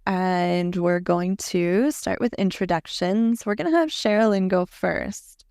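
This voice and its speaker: Upbeat woman co-hosting a podcast, gravelly edge. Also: lowish voice, a little slow, darkish tone, no room sound, clean studio sound. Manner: upbeat, welcoming. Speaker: podcast co-host. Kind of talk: casual podcast chat.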